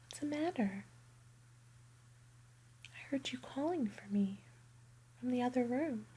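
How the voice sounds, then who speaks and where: A woman doing a bedtime ASMR roleplay in a soft, soothing whisper. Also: on the high side, expressive, takes it slowly, breathy edge, rough recording.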